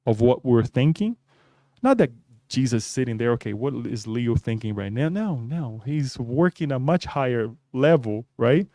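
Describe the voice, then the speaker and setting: Middle-aged guy giving a spiritist talk, keeps saying "right?", mellow voice, dry sound. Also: mid-range voice, expressive, normal speed, dry recording. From Brazil. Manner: conversational, often adds "right?". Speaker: spiritist speaker. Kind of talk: religious talk.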